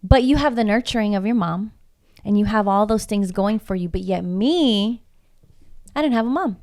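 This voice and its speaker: A slightly mellow, medium-pitched woman speaks at a moderate pace as a guest in a casual podcast chat. She is from Houston, Texas, grew up speaking Spanish, and comes across emphatic and reflective, asking plenty of rhetorical questions.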